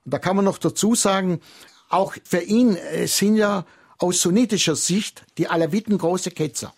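A man with a raised, gravelly voice and a husky edge talks as an expert guest on a radio call-in. He explains at length in a measured, lecturing way. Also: sits high.

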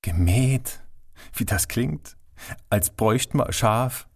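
A man's voice: medium pitch, slow, vocal fry, a little mellow. A man voicing a dreamy middle-aged mother with a Saarland accent who muses and drifts off in thought. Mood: musing. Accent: Saarland German.

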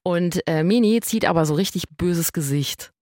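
A woman in her thirties, co-hosting a casual podcast and telling stories in a lively way. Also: fairly low pitch, normal speed, dry recording, studio quality. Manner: lively storytelling, acts out quoted voices. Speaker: podcast co-host. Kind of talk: casual chat.

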